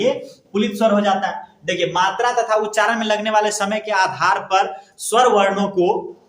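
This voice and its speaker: Man, teacher, grammar lesson, asks and answers his own questions, high voice, roomy echo. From Bihar, India. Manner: repetitive, asks questions and answers them himself. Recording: echoey room.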